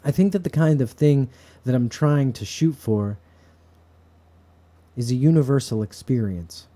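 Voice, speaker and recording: A man with a very dark, mellow voice delivers a reflective monologue to camera. He sounds earnest and philosophical, musing at a mid-range pitch. It is recorded in a bedroom. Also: measured pace. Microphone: camera set up in front of him.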